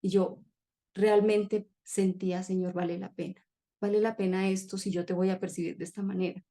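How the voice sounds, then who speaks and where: Woman guest, heartfelt testimony, soft mellow voice. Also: mid-range voice, flat delivery, moderate pace. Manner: emotional, earnest storytelling. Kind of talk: personal testimony in conversation.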